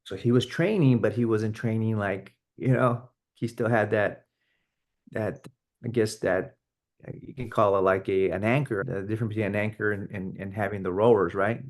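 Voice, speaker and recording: A man's voice: lowish voice, fairly even intonation, moderate pace. A man co-hosting a casual talk show, telling a story earnestly with frequent restarts. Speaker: podcast co-host. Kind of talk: casual conversation.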